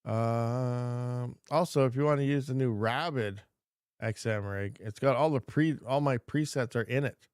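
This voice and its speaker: A man's voice: mid-range voice, measured pace, darkish tone, clear, resonant tone, no room sound, studio quality. A man hosting a casual livestream Q&A, rambling and reading chat questions aloud from a home desk. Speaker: crypto mining channel host.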